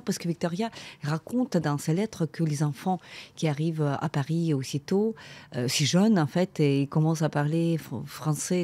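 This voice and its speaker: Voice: medium pitch, mellow. A podcast interviewer asking questions in a chatty way, often restarting phrases.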